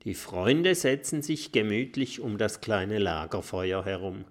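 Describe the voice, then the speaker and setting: A man narrating a children's audiobook with expressive storytelling. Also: fairly low pitch, a little slow.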